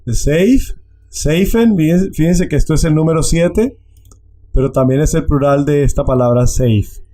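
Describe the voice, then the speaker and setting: A man's voice: fairly high pitch, normal speed, warm tone. A man teaching a language class, explaining patiently and repeating words to drill them.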